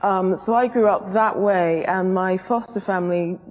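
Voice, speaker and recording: A woman in her forties from England, a guest in a studio debate, telling her story in an earnest, measured way with frequent ums. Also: medium pitch, long reverb tail, dull audio.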